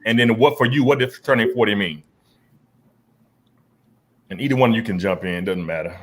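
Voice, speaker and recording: A podcast host in his forties keeps the conversation casual, laid-back and full of slang, often repeating words. His pitch is fairly low and his speed normal.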